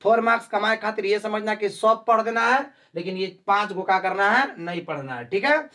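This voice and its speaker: A man's voice: high voice, fairly quick, bright, forceful tone, far from the mic. A man teaching a class lesson, often asking rhetorical questions and repeating his points.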